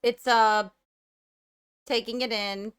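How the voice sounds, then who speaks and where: A woman's voice: on the high side, fairly even intonation, takes it slowly, clear, resonant tone, soft background music. A young woman hosting a first-time movie reaction, musing aloud and gasping and exclaiming as she watches. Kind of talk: casual movie reaction commentary.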